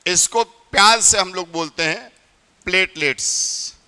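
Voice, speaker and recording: High, bright-voiced Hindi teacher in a reverberant hall. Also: male voice, unhurried. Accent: north Indian Hindi. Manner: chatty, quizzes students often. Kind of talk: classroom lecture. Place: classroom.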